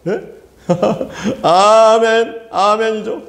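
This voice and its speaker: Animated Korean pastor preaching in an echoey hall. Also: male voice, sits high, very slow. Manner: animated, laughing often, asks the congregation for amens. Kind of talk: sermon.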